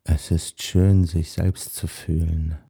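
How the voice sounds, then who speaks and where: A man leads a guided meditation in a deep, very dark and mellow voice. His delivery is soft, hushed and soothing, husky with breath, and leaves long pauses between short phrases. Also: level tone. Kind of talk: guided meditation, body scan.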